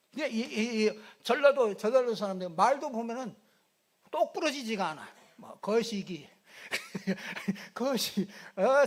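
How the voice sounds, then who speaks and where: High-voiced pastor preaching with jokes. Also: male voice. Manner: conversational and joking, repeats fillers, mimics regional speech. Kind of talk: sermon. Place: church sanctuary.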